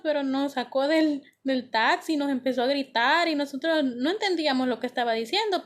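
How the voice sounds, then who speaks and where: A woman with a high voice shares anecdotes in a chatty, easygoing way. She strings her stories together freely, as if talking to a friend. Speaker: interviewee. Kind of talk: casual recollection.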